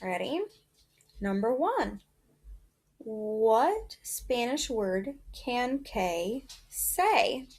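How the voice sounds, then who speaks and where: A woman's voice: on the high side, animated, drawn-out words, pauses often, a little mellow, husky. A woman teaching a reading lesson to young children in an encouraging, sing-song classroom manner.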